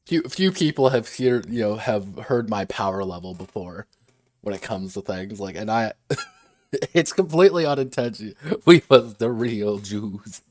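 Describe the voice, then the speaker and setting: A man's voice: fairly low pitch, lively intonation, a little slow, a little mellow. A man who designs games, chatting casually on a livestream at his desk, wandering between asides and restarting his sentences. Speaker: game designer streaming a workshop.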